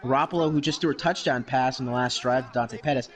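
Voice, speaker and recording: A man calling a simulated football game in broadcast style, with brisk play-by-play that rises on big plays and quick self-corrections. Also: medium pitch. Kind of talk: mock broadcast sports commentary over a video game.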